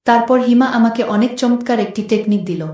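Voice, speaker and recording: A woman's voice: on the high side, moderate pace, dark tone, distant mic. Woman, first-person story narration, conversational, strong room echo. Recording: very echoey room.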